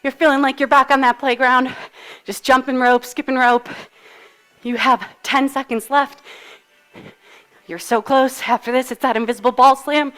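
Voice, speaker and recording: A woman's voice: high voice, level tone, moderate pace, pauses often, fairly bright tone, smooth, faint music behind. Breathless upbeat woman fitness coach. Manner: upbeat, encouraging, cues moves while exercising. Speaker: fitness instructor. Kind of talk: live workout coaching with countdowns. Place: fitness studio.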